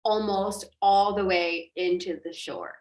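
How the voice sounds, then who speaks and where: A woman's voice: fairly low pitch, slow, darkish tone, reverberant. A woman coaching a group in a motivational talk, pressing with repeated rhetorical questions. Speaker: business coach.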